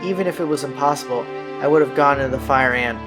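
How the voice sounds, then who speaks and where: Over the visual novel's background music, a playthrough host reads the game text fast in a mid-range voice. He keeps it loose and slangy, dropping in casual comments between lines.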